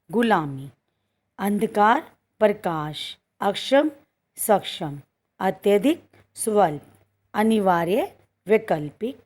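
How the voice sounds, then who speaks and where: Slow, husky woman teaching grammar. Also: medium pitch, a little mellow. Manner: asks questions and answers them herself; reads word pairs one by one. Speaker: school teacher. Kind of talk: Hindi grammar lesson.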